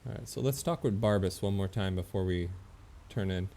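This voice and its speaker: A male game streamer offers casual livestream commentary on a video game, easygoing and chatty as he thinks aloud and reads on-screen text. His voice is low-pitched and dark in tone, and he talks fairly quickly.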